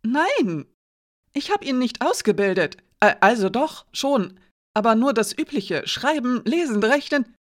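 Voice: mid-range voice, expressive, normal speed, voice pushed up, natural voice. An audiobook reader voicing a nervous male servant who stammers and rambles as he pleads. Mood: pleading. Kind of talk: audiobook character voice.

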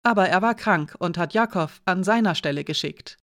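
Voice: medium pitch, moderate pace, a bit bright, dry recording, natural voice. A narrator voicing a curious, easily indignant young male apprentice in a storybook reading. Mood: chatty.

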